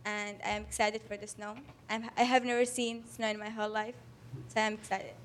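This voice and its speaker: Young woman, quiet, hesitant, flat voice, off mic, faint noise. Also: mid-range voice, fairly quick. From Yemen. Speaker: exchange student.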